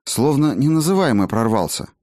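Lightly acted, a worried, questioning elf healer is voiced by a man whose mid-range voice is a little mellow, swings widely in pitch, and sits above his natural voice. He speaks at normal speed, in a dry recording with clean studio sound.

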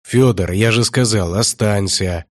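A man voicing a stern, grey-haired warrior-prior in an audiobook, with a deep bass and slow, weighty commands. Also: no room sound, clean studio sound. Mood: stern commanding. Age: older. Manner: gruff, barking orders, slow and weighty. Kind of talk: audiobook character voice.

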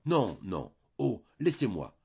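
A man voicing a gentle, pained young woman shop clerk in an audiobook reading, pleading in broken phrases. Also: fairly low pitch, huge pitch swings, takes it slowly, creaky, slightly rough, heavily acted. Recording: dull lo-fi recording.

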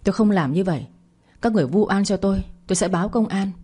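Woman putting on a spiteful nurse, bitter, vicious, husky, mellow, audio story. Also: medium pitch, quick pace, natural voice. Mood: pleading. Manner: shouting confession, bitter and vicious. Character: spiteful scheming woman nurse, vengeful and cornered.

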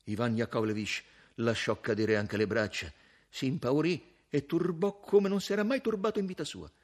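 A man reading a classic story aloud as narrator, in a husky voice with a theatrical delivery that drops suddenly to a hush. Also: mid-range voice, normal speed.

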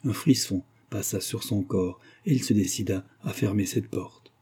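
A man narrating a classic novel as an audiobook, in a measured, dramatic storytelling manner with a husky voice. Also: on the low side, dark tone.

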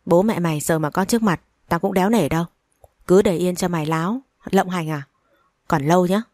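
A woman voicing a harsh, foul-mouthed older mother-in-law who hurls insults, in a low voice. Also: fairly quick, dry recording, clean studio sound, lightly acted. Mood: furious. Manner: shouting insults.

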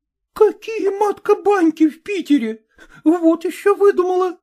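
A woman voicing a sharp, scornful city housemaid who scolds and exclaims. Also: high voice, lively intonation, moderate pace, voice pushed up. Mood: scolding.

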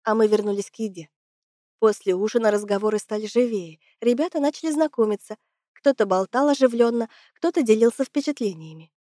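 A woman reading a fantasy story aloud in the first person, calm and even. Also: on the high side, brisk, no echo, studio quality. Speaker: audiobook narrator.

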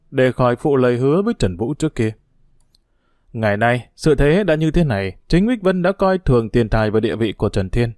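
A man narrating a novel aloud in a steady storytelling voice. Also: on the high side, no echo, clean studio sound.

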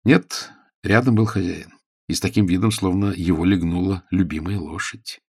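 A man narrating an audiobook with a lively, expressive reading. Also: deep voice, moderate pace, gravelly, breathy edge, dry recording, studio quality.

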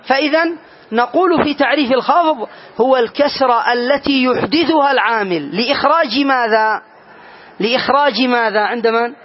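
High-voiced man teaching grammar, lo-fi. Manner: quizzes students, slowly spells out examples. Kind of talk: classroom grammar lesson. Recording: dull lo-fi lesson recording.

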